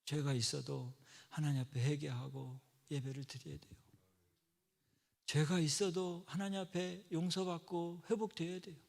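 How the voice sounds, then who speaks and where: A middle-aged male pastor preaching a sermon, telling stories and acting out quoted voices, swinging from loud outbursts to soft whispers. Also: fairly high pitch, flat delivery, moderate pace, creaky. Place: church sanctuary. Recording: long church-hall reverb.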